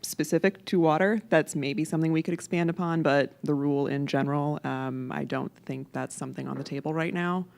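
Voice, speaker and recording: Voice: medium pitch, steady tone, brisk, creaky, hardly any pauses, darkish tone. A panelist answering questions tentatively, with fillers. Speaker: agency panelist.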